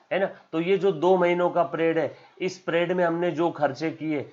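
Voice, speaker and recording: A man's voice: a little high, lo-fi sound. A man with an Indian accent teaching accounts in a classroom-style lecture, repeating key terms and often asking "yes or no?". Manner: calls students "beta", acts out their questions.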